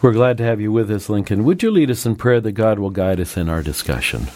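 A man hosting a religious radio program, telling a story in a gentle, measured way and then talking with a guest. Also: lowish voice, expressive. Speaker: radio Bible program host.

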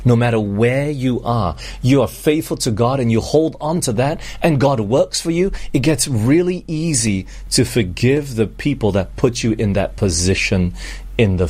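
A middle-aged man from Malaysia preaching a sermon, earnest, slowing down on scripture and asking the congregation rhetorical questions. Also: mid-range voice, a little mellow. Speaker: pastor.

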